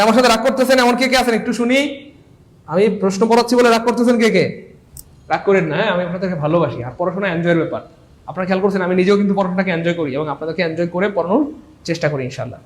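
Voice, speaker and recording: A man's voice: high-pitched, roomy sound, rough recording. A man teaching English grammar in a playful, teasing live lesson, often repeating his words.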